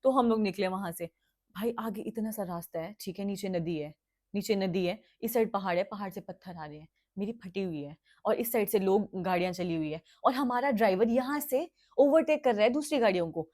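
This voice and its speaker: A young woman telling a dramatic personal story in a casual vlog, chatty and animated, jumping into high-pitched outbursts and dropping English phrases into her talk. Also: a little fast. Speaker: vlogger.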